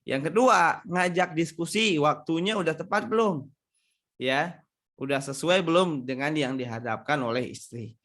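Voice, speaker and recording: A Sumatran man fields audience questions in a live online Q&A seminar about marriage, speaking at a normal speed in a voice that sits slightly high for a man. His style is relaxed and conversational, with points frequently ending in tag questions.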